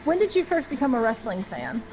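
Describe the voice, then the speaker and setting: A woman's voice: on the high side, huge pitch swings, a little fast, music in the background, poor audio. A woman interviewer with a dry, teasing manner, asking questions in an in-character interview.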